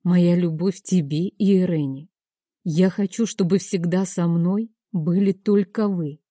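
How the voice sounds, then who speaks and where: A woman reading an audiobook, voicing a devoted young husband in a soft, slow, tender way. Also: fairly low pitch, fairly even intonation, no echo, clean studio sound.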